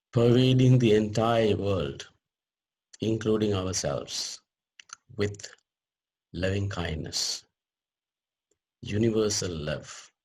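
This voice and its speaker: Here a man guides a meditation as a teacher instructing a group, his voice low and husky. He goes very slowly and deliberately, laying out short phrases with pauses in between.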